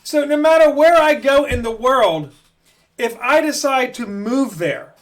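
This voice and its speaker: Guy from maryland with a really high voice, blunt cussing rant vlog. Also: expressive, unhurried. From Maryland, USA. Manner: blunt, profane, ranting. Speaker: vlogger. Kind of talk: political rant to camera.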